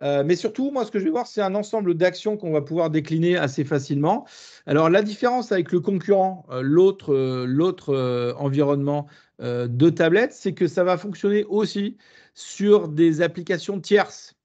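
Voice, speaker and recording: A man with a southern French accent runs a live webinar demonstration, slightly high-voiced. He talks hesitantly, with many fillers and restarts. The audio sounds a little muffled. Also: moderate pace, darkish tone. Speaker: webinar trainer.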